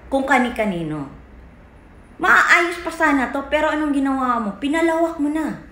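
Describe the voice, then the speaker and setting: A woman leading a group, confronting a member with long pauses and hesitations. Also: mid-range voice, fairly bright tone, roomy sound. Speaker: group leader. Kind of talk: livestream rant.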